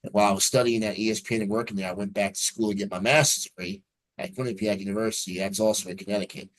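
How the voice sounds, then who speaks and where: On a rough recording, a man in his forties from New Jersey races through his story in a low, steady voice. He is a radio news anchor appearing as an upbeat, fluent interview guest over a video call.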